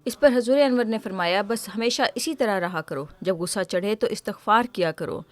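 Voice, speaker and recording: A woman host with an ordinary pitch patiently and gently explains things to a child. She has a teacherly way about her and asks the child questions to check in.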